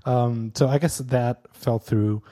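A man with a mellow, mid-range voice and steady tone co-hosts a casual podcast, his first language being Portuguese. His speech is halting and hesitant, packed with fillers and frequent chuckles.

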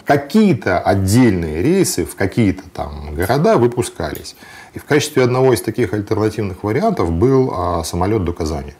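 A man with a fairly low voice that rises and falls a great deal. He explains things step by step in a matter-of-fact way, often pausing on hesitation sounds. He speaks as a guest in a conversational interview. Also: sing-song, a little mellow. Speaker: guest sharing travel experience.

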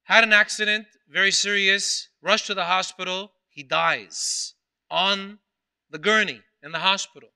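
A priest delivering a sermon in a high, bright voice with a crisp, smooth tone. He tells a story earnestly and leans on repeated phrases for emphasis. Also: fairly even intonation, unhurried.

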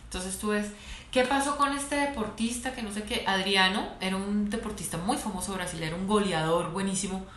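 A woman talks in an animated, playful way and laughs easily as she tells her stories. She speaks at a mid pitch. The recording is roomy and echoey, with faint noise behind her. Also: brisk. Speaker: sports doctor and coach. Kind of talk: casual interview talk.

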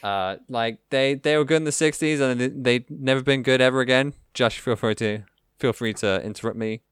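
A man's voice: mid-range voice, normal speed, fairly bright tone, clear, resonant tone, no room sound, studio quality. A male podcast host chatting casually in an enthusiastic, rambling way, with lots of fillers. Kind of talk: casual chat.

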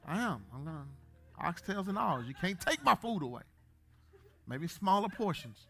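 A man in his thirties, a pastor, preaching a sermon in a church, joking at times and then building to loud, emphatic bursts. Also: high voice, big pitch swings, moderate pace, vocal fry. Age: 30s.

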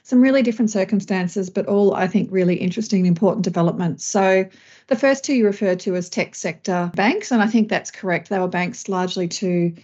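A woman hosting a finance podcast, explaining banking events in a measured, conversational way. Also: mid-range voice, a little mellow. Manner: measured, explanatory, some restarts. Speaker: podcast host, chief investment officer. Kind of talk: scripted podcast intro then casual chat. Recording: slightly dull lo-fi audio.

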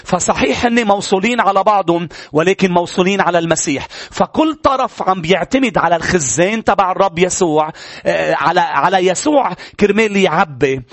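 Lebanese male pastor, high voice, earnest repetitive preaching, dry close sound. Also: animated, brisk, fairly bright tone, no echo. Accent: Lebanese Arabic. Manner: earnest preaching with repeated phrases. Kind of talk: sermon.

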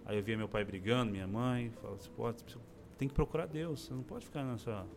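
A man's voice: mid-range voice, fast talker, creaky, over music. A man in his forties, an interview guest, telling a personal testimony in casual chat and acting out the voices of the people he quotes. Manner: expressive storyteller, acts out quoted voices.

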